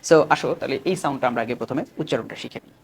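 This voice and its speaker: A man with a Bangladeshi accent teaching an online English pronunciation lesson. He repeats model words slowly and loudly so learners can copy them. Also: mid-range voice, slight background noise.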